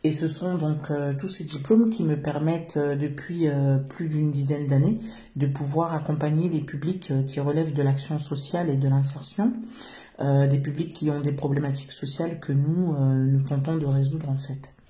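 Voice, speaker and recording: Hesitant woman speaking in a mellow voice. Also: sits low, steady tone, normal speed. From France. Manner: hesitant, many filler sounds, earnest. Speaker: founder of a social work business. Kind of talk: interview answers.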